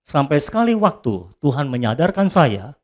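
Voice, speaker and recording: A man preaching a sermon as a pastor, swinging between loud high calls and soft low asides. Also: big pitch swings, moderate pace.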